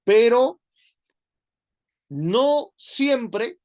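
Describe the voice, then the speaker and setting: A middle-aged man, preaching a sermon in an animated, conversational way full of rhetorical questions. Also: very high voice, very slow.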